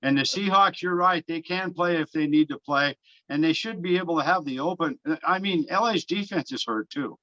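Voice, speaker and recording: A man's voice: fairly high pitch, moderate pace, bright, forceful tone. A man hosting a sports betting talk show in a conversational style, on dull, lo-fi audio.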